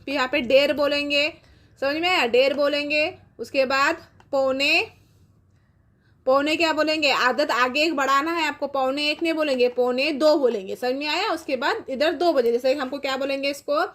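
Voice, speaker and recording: A woman teacher explains clock times step by step, patiently asking questions and answering them herself. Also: high voice. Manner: patient, asks and answers her own questions. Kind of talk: classroom math lesson.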